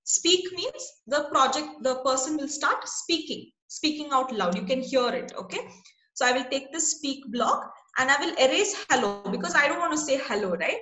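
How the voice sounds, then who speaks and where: A woman runs an online class on a video call, patiently checking in with her students again and again. She has a high, bright voice, and the room around her sounds echoey.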